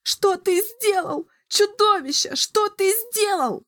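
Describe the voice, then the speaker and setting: A shrill, wildly swooping voice of a young sorceress wild with grief and fury. She screams her accusations high and hard. The recording is close and dry. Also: expressive, slow pace, fairly bright tone, no echo, heavily acted. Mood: hysterical rage. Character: young girl sorceress, grief-stricken and furious. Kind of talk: audiobook character voice.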